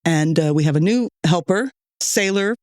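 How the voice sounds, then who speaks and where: A woman's voice: fairly low pitch, moderate pace, darkish tone, dry recording, studio quality. A woman hosting a podcast in casual chat, talkative and grateful, laughing often between thoughts. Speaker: podcast host and producer. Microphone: studio microphone.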